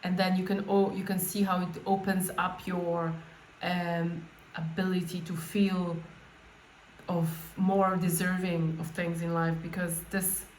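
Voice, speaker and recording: A woman coach leading an informal guided meditation, speaking off the cuff in a halting way and often rephrasing herself. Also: lowish voice, level tone. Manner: halting, spontaneous, with repeated words and rephrasing. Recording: echoey room with faint background noise.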